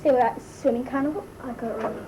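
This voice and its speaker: Fast and high-pitched, her delivery stays close to her everyday voice as she impersonates, amateur-style and for laughs, a bratty Australian teenage schoolgirl "mole" who loves gossip. The mortified, slangy stories spill out in a breathless drawl. The amateur recording is noisy, with the mic set at a distance.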